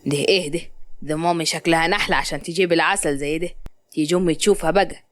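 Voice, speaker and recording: A woman's voice: low-pitched, fairly even intonation, rapid-fire, fairly bright tone, voice pushed down. A woman with an Upper Egyptian accent voicing a brash, rude young man who scolds and mutters to himself. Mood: muttering. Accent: Upper Egyptian (Sa'idi).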